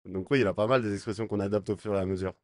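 Brief: thoughtful interviewee, low voice, dry sound. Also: male voice, fairly even intonation, rapid-fire, dry recording. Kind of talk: street interview.

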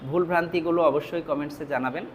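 A man with a Bangladeshi Bengali accent teaching Japanese vocabulary, repeating each word and its meaning slowly. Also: a little high, fairly even intonation. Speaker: language teacher. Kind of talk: vocabulary lesson.

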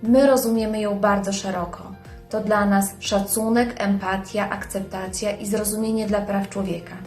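A woman, a foundation president, giving a measured and earnest formal statement. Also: mid-range voice, level tone, a little mellow, faint music behind. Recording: echoey room.

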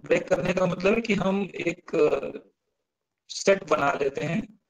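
A male teacher explains pronunciation to his class at an unhurried pace, breaking each point into small steps and checking in with students. His voice sits slightly high with a gravelly, fry-laced edge. He sounds out verses slowly, syllable by syllable. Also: dull audio. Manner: patient, stepwise, asks students questions. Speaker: Sanskrit teacher.

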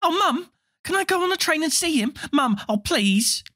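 A man reading a storybook aloud, voicing a small girl who begs her mother in a very high voice. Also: animated, moderate pace, sharp tone, no echo, studio quality. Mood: pleading. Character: pleading little girl.

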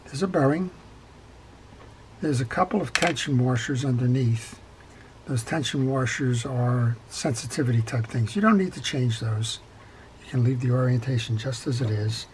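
A middle-aged man calmly talking through a step-by-step reel repair at his workbench, with frequent fillers as he works. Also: medium pitch, moderate pace, a little hiss or hum, poor audio. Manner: calm, practical, talks while working, frequent fillers. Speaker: fishing reel repair instructor. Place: workshop bench.

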